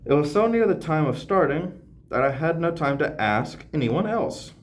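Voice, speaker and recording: A man's voice: on the high side, expressive, moderate pace, slight background noise. A young man reading a classic novel aloud on camera and breaking off for slangy, joking asides, often laughing. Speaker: channel host.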